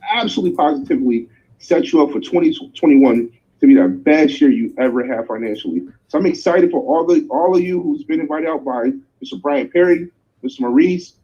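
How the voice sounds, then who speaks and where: A man from Buffalo, New York, excitedly introducing a speaker over a video call and making big promises to the listeners. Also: fairly high pitch, slightly rough. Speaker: host introducing the main speaker. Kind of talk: enthusiastic introduction. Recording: dull lo-fi call audio.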